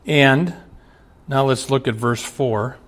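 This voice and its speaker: A man's voice: medium pitch, slow pace. A middle-aged man from Omaha preaching a sermon as pastor, speaking earnestly and addressing fathers directly with rising emphasis. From Omaha, USA.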